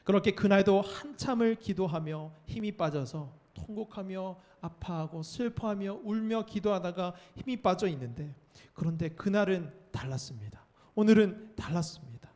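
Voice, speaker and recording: Earnest preacher, slightly high. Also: male voice, normal speed, hardly any pauses, a little mellow. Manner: earnest storytelling, acts out quotes. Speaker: youth pastor. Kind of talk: sermon.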